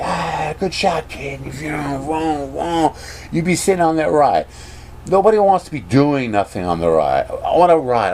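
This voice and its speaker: A man vlogging casually, rambling and animated as he gives strong opinions. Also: on the low side, a little hiss or hum.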